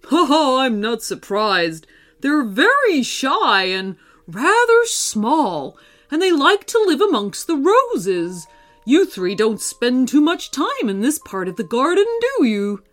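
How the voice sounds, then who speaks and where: A woman voicing a kindly old male wizard who teaches children, speaking softly with a chuckle. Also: high voice, wildly swooping pitch, slow pace, faint music behind, heavily acted. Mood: amused. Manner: chuckling, soft-spoken, hushed.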